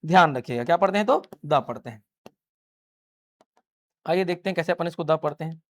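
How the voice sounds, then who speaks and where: High-voiced man teaching a class. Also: expressive, fairly quick. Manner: asks the class a question, then answers it himself; repeats key phrases many times. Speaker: English teacher. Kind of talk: live classroom lecture. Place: classroom with students.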